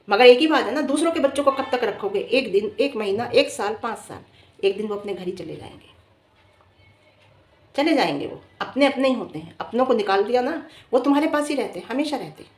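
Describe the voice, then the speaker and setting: A woman's voice: a little high, lively intonation, a little fast, echoey room. A woman vlogger giving scolding casual commentary, asking the viewers rhetorical questions.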